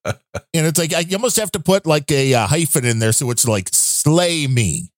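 A man's voice: fairly high pitch, lively intonation, a little fast, no echo, studio quality. A man co-hosting a podcast, reading out listener donations in casual, rambling chat with wry asides. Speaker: podcast co-host.

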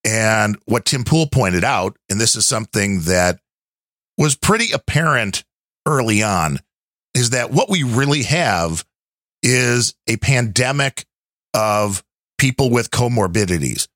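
Man hosting a podcast, dry and animated. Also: on the low side, unhurried, no echo. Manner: conversational, skeptical, wandering explanations. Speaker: podcast host. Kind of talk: casual podcast chat.

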